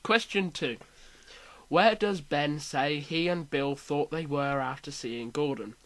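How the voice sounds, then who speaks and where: A man hosting a casual quiz chat, reading out questions with lively emphasis. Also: on the high side, slow pace, dry recording. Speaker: quiz host.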